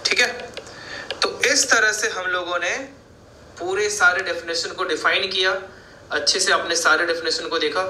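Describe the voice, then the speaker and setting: A man's voice: high voice, fairly even intonation, moderate pace, sharp tone, slight background noise. A male math teacher giving a board lecture, explaining step by step and asking and answering his own questions. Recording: echoey room.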